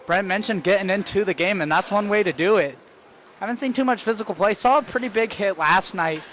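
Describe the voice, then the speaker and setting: A man's voice: high voice, a little fast, a bit bright, a little hiss or hum. A man calling live play-by-play for an amateur hockey game, matter-of-fact as he follows the action. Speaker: play-by-play commentator.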